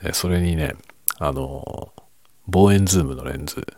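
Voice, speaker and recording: A man speaks quietly in a very deep voice with a gravelly edge, keeping it soft and unhurried as he rambles through a late-night solo chat. His tone is husky, and the recording is dry and close, with no room sound around him. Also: no room sound. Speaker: podcast host.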